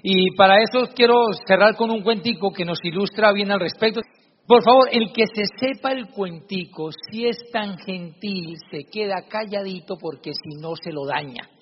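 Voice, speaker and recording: A man's voice: high-pitched, moderate pace, slight background noise. A man giving a preachy motivational talk to a live audience and telling a story, in a large hall with a dull live recording. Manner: preachy, addresses the audience directly. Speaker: motivational speaker.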